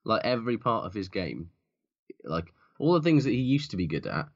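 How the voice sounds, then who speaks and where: A very deep-voiced man chats casually as a podcast co-host, blunt and sweary, rambling through his points. The recording is dull and lo-fi. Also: big pitch swings, fairly quick. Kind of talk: casual sports chat.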